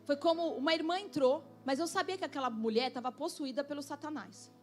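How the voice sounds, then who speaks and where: A woman pastor preaching a sermon, slow and emphatic, with sudden drops to a quiet voice. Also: sits high, soft background music.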